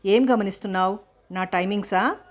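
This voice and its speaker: A woman's voice: mid-range voice, fairly even intonation, brisk, natural voice. A woman voicing an irritable young film actress who talks in curt, scolding lines. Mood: irritated.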